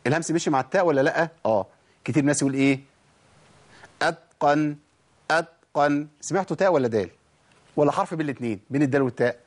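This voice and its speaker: A man's voice: mid-range voice, animated, very fast. A man with an Egyptian Arabic accent teaching Quran recitation rules, asking and answering his own questions and demonstrating sounds. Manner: demonstrates pronunciation. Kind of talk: tajweed lesson.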